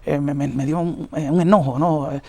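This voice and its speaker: Middle-aged guy preaching his testimony, rushes along, lots of uhs, pretty high voice, dry close sound. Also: fairly even intonation, vocal fry, darkish tone, dry recording. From New York, of Puerto Rican parents. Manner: earnest, halting, many fillers. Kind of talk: personal testimony in an interview.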